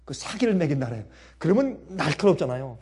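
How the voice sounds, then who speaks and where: Husky-voiced male preacher telling stories. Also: fairly high pitch, fast. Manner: animated storytelling, often laughing, swinging between soft and loud. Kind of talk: sermon.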